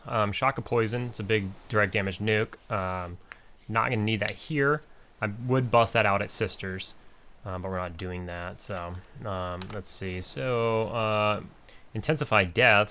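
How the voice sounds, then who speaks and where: A gaming channel host gives casual, rambling commentary over his own gameplay, restarting often and using many fillers. His voice is fairly low and sharp, with a bit of hiss or hum in the background.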